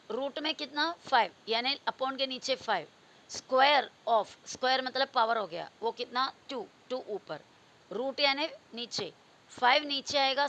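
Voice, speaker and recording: A woman teaching school maths, her voice sitting a little high. She explains patiently and repeats each step, dropping English number words into her explanations. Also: fairly bright tone, poor audio. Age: adult. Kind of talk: classroom-style maths lesson.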